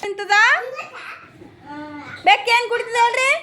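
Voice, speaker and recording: A woman's voice: extremely high pitch, fairly even intonation, a little slow. Preschool teacher, woman, North Karnataka accent, coaxing question-after-question delivery, noisy room. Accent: North Karnataka Kannada. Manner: coaxing, keeps asking children questions and calling them by name. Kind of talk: classroom questioning of small children. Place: village preschool classroom. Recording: noisy classroom recording.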